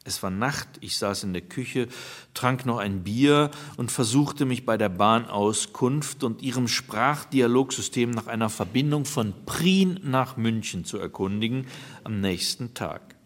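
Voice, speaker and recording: A man's voice: medium pitch, animated, unhurried. A man reading a first-person story aloud in a dry, wry manner. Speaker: narrator.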